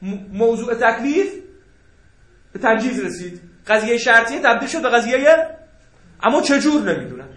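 A man's voice: very high voice, sing-song, a bit bright. A man teaching a seminary jurisprudence class, joking and asking rhetorical questions as he explains. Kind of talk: jurisprudence lecture to students. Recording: echoey room.

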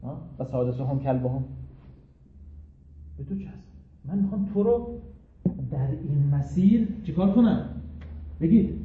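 A man, a cleric, giving an interactive religious lecture to students, telling jokes and stories in an animated way, in a distant, echoey, phone-like recording. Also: sits high, long pauses, a little hiss or hum. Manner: animated, joking storyteller. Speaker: cleric teaching a religious class.

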